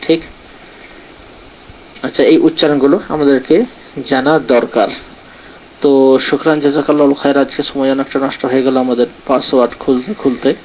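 A man's voice: mid-range voice, fairly even intonation, a little fast, pauses often, a little hiss or hum. Patient male teacher on a lo-fi call. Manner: patient, explains step by step, reads from a textbook. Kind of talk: online lesson on Arabic letters and pronunciation.

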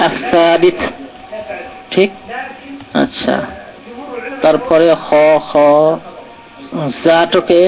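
A man with a slightly raised voice teaches a pronunciation lesson. He breaks letters into slow, careful syllables and keeps checking that the class is following, asking "right?" again and again. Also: a little high, low-quality recording. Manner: explains patiently, checks understanding with repeated "right?"; sounds out letters slowly, syllable by syllable. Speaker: Quran recitation teacher.

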